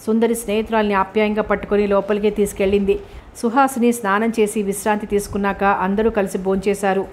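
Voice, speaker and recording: A woman's voice: mid-range voice, level tone, quick pace. Woman reading a novel aloud. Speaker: audiobook narrator. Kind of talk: scripted novel narration.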